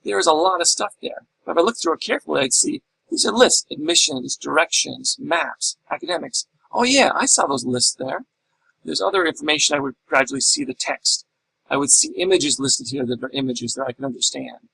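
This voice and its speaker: A man's voice: on the high side, animated, a little fast, vocal fry, pushed and bright, slightly rough, low-quality recording. A middle-aged man teaching a class in a recorded lecture, explaining step by step and asking and answering his own questions. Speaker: instructor.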